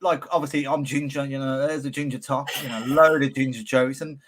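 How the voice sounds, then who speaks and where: A man's voice: medium pitch, fairly even intonation, fairly quick. A man with a Birmingham accent hosting a podcast interview, talking bluntly in laddish banter with plenty of swearing. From Birmingham, England. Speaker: podcast host. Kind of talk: casual interview chat.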